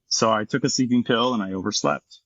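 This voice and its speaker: A man's voice: mid-range voice, a little fast, vocal fry, a bit bright, dry recording, lo-fi sound. A middle-aged man, a former firefighter and paramedic, telling his story frankly and intensely in an interview, swearing freely.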